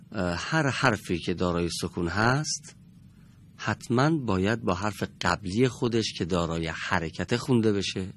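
Patient male recitation teacher. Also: fairly low pitch. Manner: patient, corrects and praises students; drawn-out slow recitation when modeling verses. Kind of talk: classroom lesson with students reading aloud.

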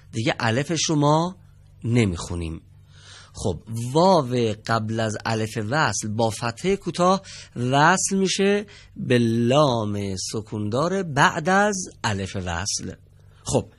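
Lively, patient male Quran reading teacher. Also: medium pitch. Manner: patient, quizzes students, stretches out example words slowly. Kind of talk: televised classroom lesson. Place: TV studio with students.

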